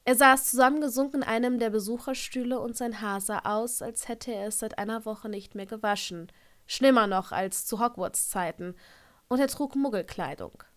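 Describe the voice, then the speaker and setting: A woman narrating a fan-fiction audiobook in a calm, even storytelling voice. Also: fairly high pitch, moderate pace. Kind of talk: reading fan fiction aloud.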